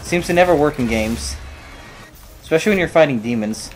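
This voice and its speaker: A man casually commentating his own shooter playthrough, animated and swearing, cracking jokes. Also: a little high, brisk, soft background music. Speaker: gamer playing through a shooter.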